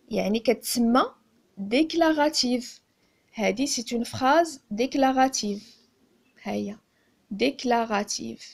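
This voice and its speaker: A woman with a Moroccan accent teaching a grammar lesson, speaking slowly and deliberately and repeating key terms. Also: high voice. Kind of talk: classroom-style grammar lesson.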